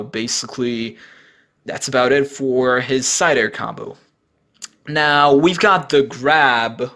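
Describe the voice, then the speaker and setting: Casual rambling man over game footage. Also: medium pitch. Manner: rambling and informal, with frequent fillers and restarts; casually swears. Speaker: gaming video creator.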